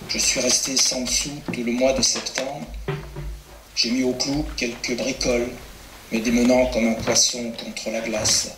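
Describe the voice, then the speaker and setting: A man reading a letter aloud in a measured, even way. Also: mid-range voice. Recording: echoey room from far off, noise.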